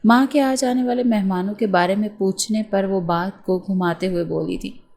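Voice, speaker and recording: A woman reads a romance novel aloud at a medium pitch, staying steady and even as she takes every part herself. Her delivery is scripted storytelling. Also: moderate pace. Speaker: novel narrator. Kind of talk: scripted narration of a romance novel with acted dialogue.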